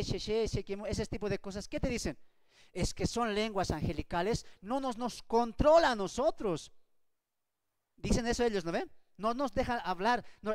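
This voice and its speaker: High, clear-voiced teacher. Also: male voice. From Bolivia. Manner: emphatic, asks rhetorical questions and repeats points. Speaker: Bible study teacher. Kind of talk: Bible study teaching. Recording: long reverb in a hall.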